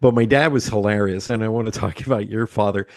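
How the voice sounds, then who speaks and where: A man's voice: fairly low pitch, fast, darkish tone, no echo, clean studio sound. Chatty older man hosting an interview. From Pennsylvania, USA. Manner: rambling, many ums and uhs. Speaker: podcast host. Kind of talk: casual interview chat.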